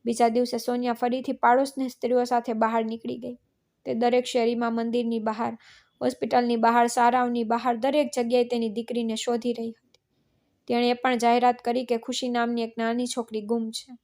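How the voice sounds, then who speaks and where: A woman narrating a scripted family story in a flat, even reading. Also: on the high side, fairly quick.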